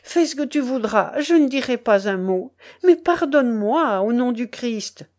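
A woman's voice: a little high, sing-song, slow, a little mellow, pitched above the performer's own voice, heavily acted. A woman voicing a remorseful young male peasant who begs for forgiveness in a tearful voice, in a storybook reading. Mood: tearful pleading. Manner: begging, tearful.

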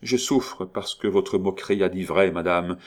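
A man reading a novel aloud, voicing a timid, suffering young notary in a low, hushed voice. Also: normal speed, natural voice.

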